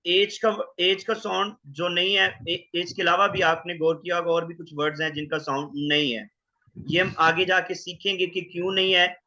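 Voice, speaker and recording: A man teaching the Greek alphabet in an online class, slowly sounding out each letter. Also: high voice, flat delivery, sharp tone. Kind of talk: online lecture. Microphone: video call. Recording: dull lo-fi online class audio.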